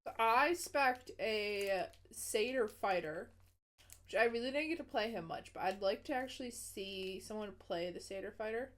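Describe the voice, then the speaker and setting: A woman's voice: mid-range voice, lively intonation, normal speed, a bit bright. A woman game master answering questions in casual chat, wry and matter-of-fact.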